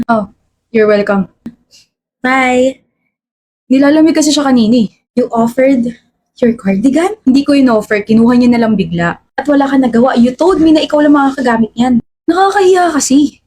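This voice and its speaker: A woman's voice: high-pitched, a little mellow. A woman performing scripted comedy-skit dialogue, arguing and mixing English into her Filipino.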